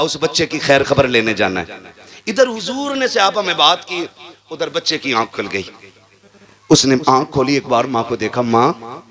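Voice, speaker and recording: A man from India preaching a sermon as a dramatic story, acting out the characters, moving from hushed low tones to high impassioned cries. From Moradabad, India. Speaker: Islamic preacher.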